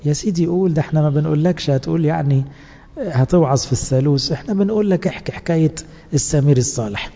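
A man's voice: fairly high pitch, fast talker, vocal fry, dark tone. A man with an Egyptian accent preaching to church servants, earnest and exhorting, full of rhetorical questions. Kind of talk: sermon. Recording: dull lo-fi recording in a reverberant hall.

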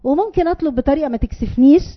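Woman, Egyptian Arabic accent, earnest explaining tone, filler-heavy speech, high voice, muffled recording. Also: racing. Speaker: parenting speaker. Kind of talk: advice talk to an audience.

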